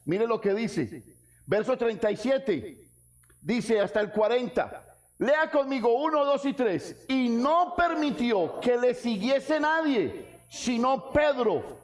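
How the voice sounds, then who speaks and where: A man preaches to his congregation as pastor, putting questions to them and swinging between soft, low lines and shouted ones.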